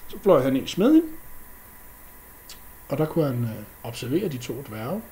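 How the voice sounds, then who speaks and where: A man's voice: medium pitch, big pitch swings, dark tone, slight background noise. A man retelling a myth off the cuff in a casual way, with fillers and mouth sound effects. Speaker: storyteller.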